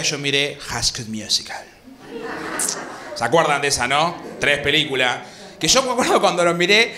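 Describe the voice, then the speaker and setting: A young man from Argentina with a Rioplatense accent doing a slangy stand-up set on a comedy club stage, acting out voices as he goes. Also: high-pitched. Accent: Rioplatense Spanish. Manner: animated, slangy, acts out voices. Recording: live club with audience laughter.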